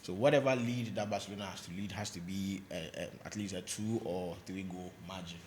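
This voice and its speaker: A man giving football predictions as a panelist, quick and repeating his points. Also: low voice, fairly even intonation, slight background noise. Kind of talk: football punditry.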